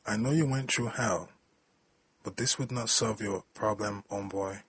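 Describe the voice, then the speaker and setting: A man's voice: on the low side, moderate pace, a bit bright, slight background noise, close to an everyday voice. A man reading the lines of a young adult male co-worker who talks in casual street slang. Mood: coaxing.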